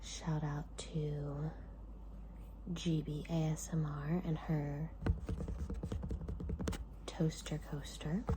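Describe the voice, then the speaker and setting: A woman hosting ASMR in a soft, hushed whisper, speaking in short unhurried phrases with pauses between them. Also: low-pitched, level tone, very noisy. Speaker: ASMR host.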